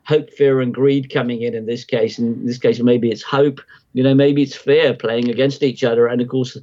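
A man's voice: medium pitch, level tone, normal speed, mellow, lo-fi sound. A man guest on a podcast, explaining at length in a conversational way, with lots of ums and restarts. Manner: rambling, many ums and restarts. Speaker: podcast guest, market timing analyst.

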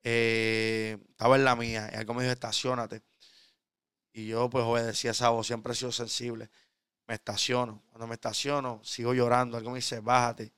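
A man in his thirties with a Puerto Rican accent, a preacher telling his conversion story earnestly and sometimes dropping to a hush. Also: mid-range voice, flat delivery, brisk, clean tone, dry recording, clean studio sound. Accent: Puerto Rican Spanish. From Puerto Rico. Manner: earnest storytelling, drops to a hushed tone for intimate moments. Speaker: preacher guest. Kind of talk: conversational testimony.

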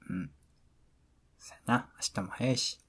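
A man with a Kansai accent playing a teasing, affectionate boyfriend at bedtime, in intimate whispered role-play pillow talk with a soft, breathy voice. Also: on the low side, a little slow, exaggerated voice. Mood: tender, lonely. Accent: Kansai Japanese. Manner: playful, coaxing, mock-hurt.

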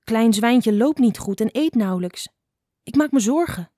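A woman voicing a worried mother wild boar who speaks softly and fearfully. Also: fairly high pitch, animated, normal speed, no echo, studio quality. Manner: hushed, fearful.

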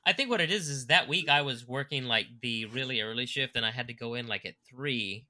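Podcast cohost guy, super bright voice, stumbles through his story. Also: medium pitch, a little fast. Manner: laughing, stumbling storyteller with many restarts. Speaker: podcast co-host. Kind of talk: casual podcast chat.

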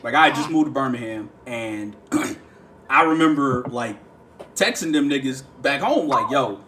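A man co-hosting a casual podcast chat who tells stories in an animated way and laughs through them. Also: mid-range voice, unhurried, a little hiss or hum. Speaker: podcast co-host.

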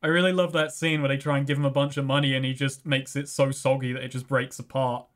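A man's voice: mid-range voice, little pitch movement, quick pace. A man with an ordinary mid-range voice chats casually among friends. His remarks are wry and understated. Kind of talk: casual chat.

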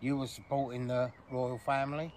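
A man's voice: medium pitch, flat delivery, moderate pace, darkish tone, slight background noise. A man in his sixties with a British accent, giving plain-spoken answers in an interview. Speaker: interview guest, former soldier.

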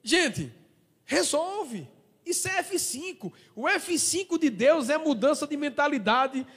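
A male pastor from Brazil preaching an animated sermon, acting out the words of sinners as he goes. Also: extremely high pitch, slow pace, big-room sound.

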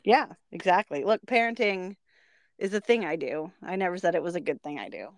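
A woman's voice: lowish voice, a little fast, dry recording. Laughing self-mocking woman storyteller. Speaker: podcast co-host. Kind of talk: casual chat.

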